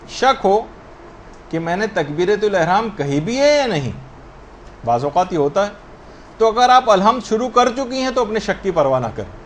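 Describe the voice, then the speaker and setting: A man with a high voice gives a religious lesson on prayer rules. He explains each ruling patiently, slowing down to demonstrate correct pronunciations. Faint noise sits under the recording. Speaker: religious teacher.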